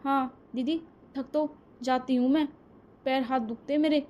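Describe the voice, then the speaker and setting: A woman voicing an overworked young pregnant daughter-in-law in a cartoon family drama, soft-spoken and complaining. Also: high-pitched, steady tone, normal speed, lo-fi sound, natural voice. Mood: weary.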